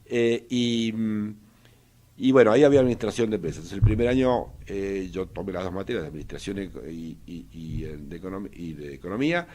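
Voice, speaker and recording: A man's voice: sits low, a little fast, mellow. An older man from Argentina with an Argentine accent, an economist answering interview questions in a hesitant way, with many fillers and restarts. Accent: Argentine Spanish. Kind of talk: casual interview talk.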